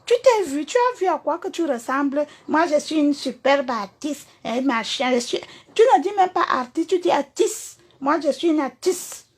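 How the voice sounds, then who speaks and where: A woman's voice: high voice, animated, moderate pace. A woman singer with a Cameroonian French accent, talking bluntly and confrontationally to viewers in a livestream rant. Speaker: singer and performer.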